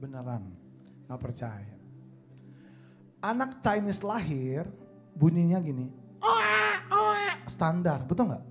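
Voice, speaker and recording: Man, high voice, joking church talk, storytelling to the crowd, faint music behind. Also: lively intonation, takes it slowly, pauses often, darkish tone. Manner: joking storyteller who addresses the crowd as "Saudara". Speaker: guest speaker, singing coach. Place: church hall.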